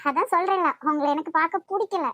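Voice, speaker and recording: A woman's voice: extremely high pitch, quick pace, pushed and bright, faint music behind. A woman voicing a heartbroken young cartoon heroine, Kanyakumari Tamil. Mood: bitter. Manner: bitter, cold then tearful. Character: heartbroken young woman pushing her lover away. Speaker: voice actor. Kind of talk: cartoon love-story dubbing.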